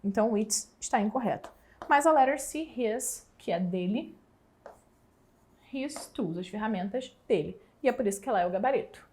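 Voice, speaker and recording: A woman from Brazil with a Brazilian Portuguese accent, teaching an exam prep English lesson and slowly stretching out the example words. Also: on the high side, animated, darkish tone.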